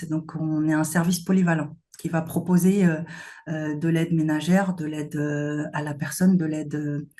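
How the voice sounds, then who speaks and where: Woman talking about her business, lots of umms, earnest, mellow voice. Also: low voice. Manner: hesitant, many fillers, earnest. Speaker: company founder, guest. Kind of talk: interview answers.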